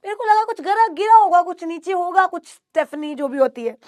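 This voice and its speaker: High-voiced playful woman teacher. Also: lively intonation, fairly quick, darkish tone, dry recording, clean studio sound. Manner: playful, affectionate, mixes in English phrases. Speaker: online teacher talking to her students. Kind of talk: casual chat and storytelling before class.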